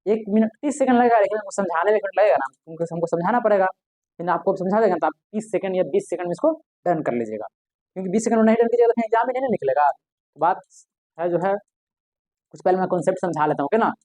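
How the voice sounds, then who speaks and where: A man's voice: high-pitched, animated, fast talker, a little mellow, dry recording. A man teaching an exam-prep math lesson, often asking the class a question and answering it himself.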